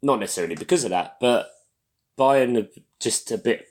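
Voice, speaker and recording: A man's voice: mid-range voice, lively intonation, a little fast. A man co-hosting a casual podcast, full of teasing, sarcastic banter. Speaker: podcast co-host. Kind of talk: casual chat.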